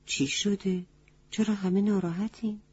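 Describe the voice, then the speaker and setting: A wise goat from a children's story lectures in a high, loud and emphatic voice, put on by a woman. The tone is husky and dark underneath, on a dry, muffled recording. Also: fairly even intonation, no echo. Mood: concerned.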